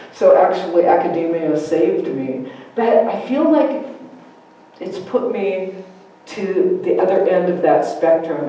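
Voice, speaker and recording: Middle-aged woman preaching, personal and chatty, dark mellow voice, far off mic, super echoey room. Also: on the low side, dull audio. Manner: candid, reflective and conversational. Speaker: guest speaker at a church service. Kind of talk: personal sermon talk. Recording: echoey room, distant mic, faint noise.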